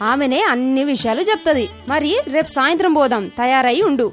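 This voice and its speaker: A caring middle-aged village aunt , voiced by a woman, speaking in a Telangana accent in a radio drama. She questions gently and explains patiently in a high, motherly voice, over faint background music. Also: fairly quick, close to an everyday voice. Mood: reassuring. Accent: Telangana Telugu. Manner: warm, coaxing, motherly questioning.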